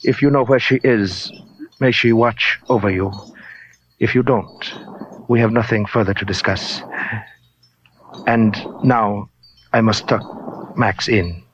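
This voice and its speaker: In a radio crime drama, an actor plays an enormous, urbane gentleman who collects fake Oriental art, speaking with silky menace. His lowish, steady voice is florid, pompous and deliberate. The old radio recording sounds muffled and hissy.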